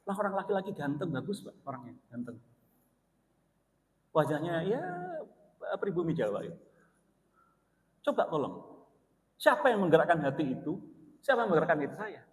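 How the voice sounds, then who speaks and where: A man preaching in a mosque, with a fairly high voice and an East Javanese Indonesian accent. He tells his story in a lively way, jumping from loud cries to quiet asides. The sound rings with the long reverb of a large hall. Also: moderate pace, long pauses. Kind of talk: mosque sermon with personal story.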